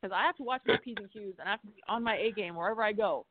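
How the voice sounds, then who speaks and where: A woman, an actress and stunt performer, telling animated stories from film sets in a casual interview, swearing and acting out quotes. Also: medium pitch, racing, dry recording. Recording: dry thin phone-like sound.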